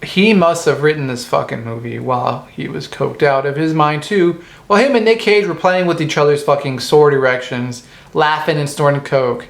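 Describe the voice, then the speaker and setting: A man's voice: on the high side, moderate pace, gravelly. Profane ranting man in an echoey room. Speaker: movie reviewer. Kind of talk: comedic ranting movie review. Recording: roomy echo.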